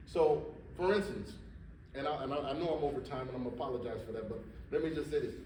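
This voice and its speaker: A man giving a drum masterclass and telling stories, animated and repeating words for emphasis, recorded from far off in a conference hall. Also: medium pitch, fast talker, slight background noise. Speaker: drum clinician. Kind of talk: masterclass talk with storytelling. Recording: echoey hall, mic far off.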